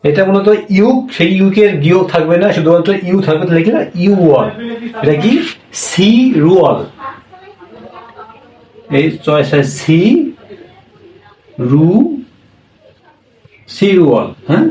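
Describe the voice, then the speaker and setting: A man teaching a Korean lesson in Bengali, speaking slowly and repeating each word with a checking "yes?". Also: fairly high pitch, darkish tone. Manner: slow, repetitive, checks with "হ্যাঁ?". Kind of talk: classroom language lesson. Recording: echoey room, voice from far off.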